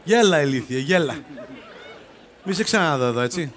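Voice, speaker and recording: A man's voice: a little high, animated, a bit bright, some chatter behind. A man playing a mocking police instructor. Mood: scolding. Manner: mocking, scolding, ad-libs at fellow actors. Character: bossy male police self-defence instructor. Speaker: comic actor and sketch lead. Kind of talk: live stage comedy sketch. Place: open-air theatre stage.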